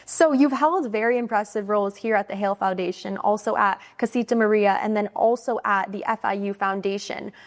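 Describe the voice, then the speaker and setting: A woman hosts an interview series and asks her guest friendly questions. She sounds enthusiastic and often compliments his answers. Her voice sits at an average pitch. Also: fairly quick, hardly any pauses.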